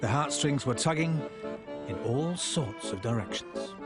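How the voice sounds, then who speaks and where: A man's voice: medium pitch, unhurried, gravelly. A man narrating a sports feature as scripted voice-over, with a wry, playful delivery and dry asides. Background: music bed.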